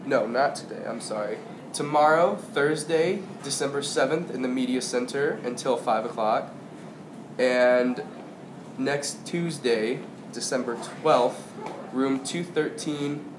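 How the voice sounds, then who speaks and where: A male host with a medium-pitched voice reads school announcements slowly, keeping it informal and chatty. The script gets ad-libs, and he sometimes corrects himself. The room is echoey, with clear background noise.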